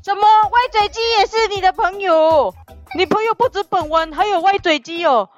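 A woman's voice: very high-pitched, moderate pace. A woman voicing a playful, chatty pet dog who co-hosts a podcast and answers listener comments, with a Taiwanese Mandarin accent. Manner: playful, giggly, teasing. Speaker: podcast co-host. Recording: slightly dull audio with music bed.

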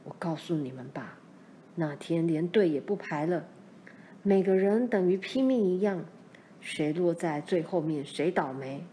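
A woman voicing a steady middle-aged pioneer father, speaking low and measured as he recounts events. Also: a little hiss or hum, natural voice. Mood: recounting.

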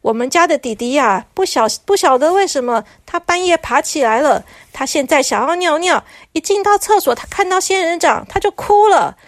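A woman's voice: high voice, animated, normal speed, hardly any pauses, dry recording, voice pushed up. A woman voicing an impatient, fretting president in a children's storybook. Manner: impatient, pushy.

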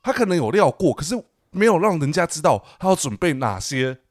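Lively Taiwanese-accented man, teasing chat. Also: brisk, dry recording, studio quality. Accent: Taiwanese Mandarin. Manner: animated, teasing, jumps into a high pitch when joking. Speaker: podcast co-host. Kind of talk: casual chat.

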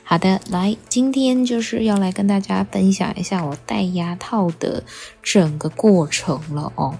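A young Taiwanese woman hosting a casual, rambling monologue with halting self-corrections, talking with a dental retainer in, so her articulation is slightly wet. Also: mid-range voice, creaky, a little mellow, faint music behind. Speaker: podcast host.

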